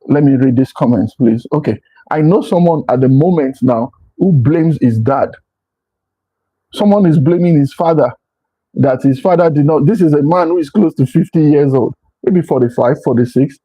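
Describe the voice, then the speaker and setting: A middle-aged man speaks with a husky, slightly higher voice, lecturing earnestly on life choices. He often repeats himself and restarts his sentences as he presses each point home. The sound is dull and lo-fi. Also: normal speed. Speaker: motivational speaker. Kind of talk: motivational talk to camera. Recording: dull lo-fi recording.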